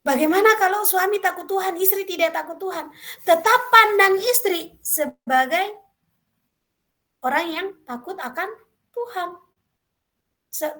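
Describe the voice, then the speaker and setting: A middle-aged woman with an extremely high-pitched voice preaches a devotional sermon, telling a story and quoting people in lively voices.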